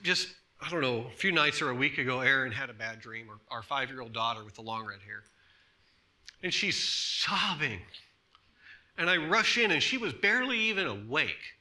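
A man in his thirties preaches a sermon in a church sanctuary. His voice is bright and ringing, a little high, with a very lively melody. He sinks to near-whispers and then surges into loud, emphatic bursts. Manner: swings from soft hushed tones to loud emphatic bursts. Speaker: pastor.

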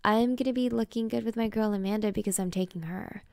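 A woman voicing an easygoing high school boy in a storybook reading, with a relaxed, friendly drawl and a gravelly voice. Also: fast talker, no room sound, clean studio sound, lightly acted. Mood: teasing.

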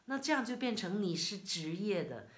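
A middle-aged woman from China, telling a personal story in a casual, animated, indignant way. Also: medium pitch, normal speed. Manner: animated, indignant retelling with quoted dialogue. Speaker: vlogger.

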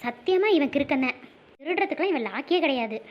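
A woman voices a cheeky, quick-witted young woman in a comic cartoon, high-pitched and rapid, with sarcastic asides. The sound is dull and lo-fi. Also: lively intonation.

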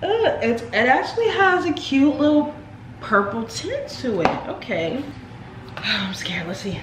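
Talking casually to camera from her home kitchen, a young adult vlogger chats playfully in a high, sing-song voice at a slow pace. The camera on the counter picks up her voice echoing off the walls, with household noise clearly running underneath.

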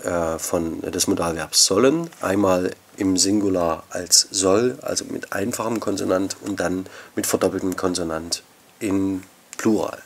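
Low, gravelly-voiced male lecturer. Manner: measured academic explanation, addressing students formally. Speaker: university lecturer. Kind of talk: recorded lecture podcast.

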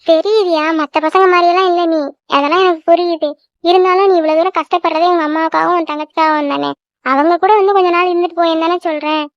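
Woman doing a squeaky high village aunt for a cartoon, coaxing and pushy, quick talker, dull dry sound. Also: steady tone, no echo. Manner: coaxing, insistent. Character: caring middle-aged village aunt, persuasive. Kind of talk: cartoon voice acting.

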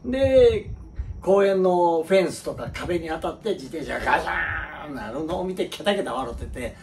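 A man's voice: on the high side, expressive, normal speed, creaky, darkish tone, a little hiss or hum. A man from Tokushima with a Tokushima dialect, telling childhood stories casually, acting out quoted voices and laughing often. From Tokushima, Japan. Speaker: host. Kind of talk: casual storytelling.

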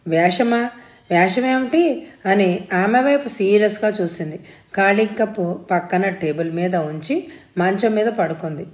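A woman narrating a story in a steady, even storytelling manner as an audiobook reader. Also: mid-range voice, normal speed. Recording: roomy echo.

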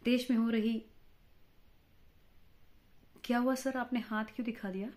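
In a comic monologue, a woman plays a chatty, quarrelsome married mother interviewing for a news anchor post, eager and polite, fawning over the interviewer and mixing English into her Hindi. Her voice is a little high yet darkish, steady and unhurried, close to an everyday speaking voice.

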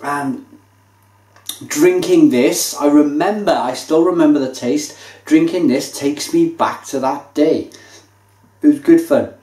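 Leaning high in pitch and taking it slowly, a thirtysomething man reviews a beer in his kitchen indoors. He chats in a relaxed way, describing each sip he savors, recorded on a table-distance camera mic amid echoey room sound.

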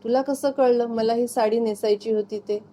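A woman's voice: on the high side, fairly even intonation, normal speed, dark tone, slight background noise, natural voice. A woman reading aloud, voicing a shy young wife who turns tired and exasperated with her husband. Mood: puzzled. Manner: bashful, then exasperated. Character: young wife, shy but quick to scold.

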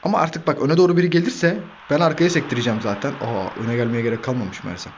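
A man hosting a gaming channel, giving lively commentary over his own football video game match, shouting player names and cursing at his players. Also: medium pitch, quick pace, lo-fi sound, slight background noise.

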